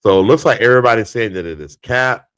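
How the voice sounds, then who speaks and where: A man's voice: mid-range voice, quick pace, a bit bright, smooth. A man co-hosting a casual live podcast, laid-back and slangy, laughing often. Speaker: podcast co-host. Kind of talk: casual live-stream chat.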